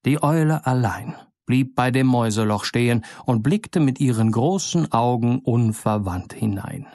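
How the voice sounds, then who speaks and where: Male storyteller, mid-pitched, dry close sound, fairy tale reading. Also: dry recording. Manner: measured, expressive storybook narration. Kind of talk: fairy tale read aloud.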